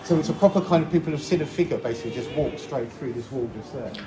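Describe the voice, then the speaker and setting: Man, mid pitch, roomy echo, informal explanatory tour-guide talk, background music. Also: fast talker, a crowd in the background. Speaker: local history tour guide. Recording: echoey, music laid over.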